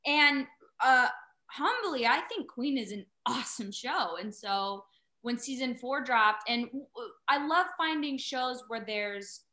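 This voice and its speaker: A woman in her thirties, an actress guest telling stories in casual chat, animated and laughing often. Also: on the high side, unhurried, reverberant.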